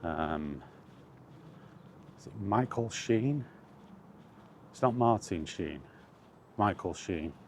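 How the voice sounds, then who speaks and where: In an outdoor walking vlog, a man talks casually and rambles, hesitating and correcting himself often. His low voice has a darkish tone, and the recording carries a little hiss or hum.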